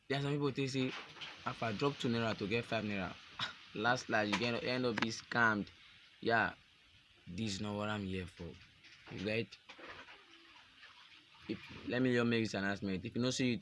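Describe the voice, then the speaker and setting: A man's voice: on the low side, fairly bright tone, slight background noise. A young Nigerian man chatting casually to his vlog audience, joking and rambling, slipping into pidgin. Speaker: vlogger. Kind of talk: casual chat to camera.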